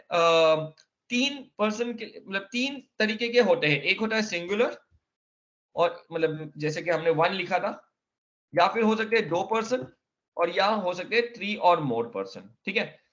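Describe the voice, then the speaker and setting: A man's voice: high-pitched, animated, a little slow, a bit bright, dull audio. A man teaching a classroom lesson, explaining step by step and often checking that students follow. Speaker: Arabic teacher.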